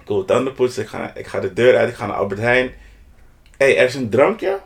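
A man's voice: medium pitch, brisk, vocal fry. Een man met een Nederlands die in een ontspannen gesprek geanimeerd verhalen vertelt, met Engelse straattaal en klanknabootsingen ertussen. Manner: animated, slangy, mixes in English phrases and sound effects. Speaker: podcast co-host. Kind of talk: casual storytelling chat.

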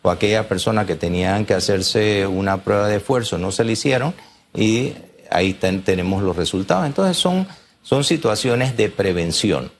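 A man's voice: on the low side, animated, normal speed, a little hiss or hum. A man speaking as a doctor in an interview, explaining emphatically and repeating key phrases.

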